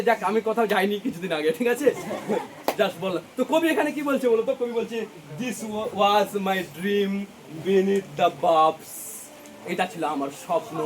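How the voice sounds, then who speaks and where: A man's voice: high voice, slight background noise. A young man with a Bengali accent teaching a poem, asking questions and answering them himself. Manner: mixes English lines into explanation. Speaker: English teacher. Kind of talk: poetry lesson for students.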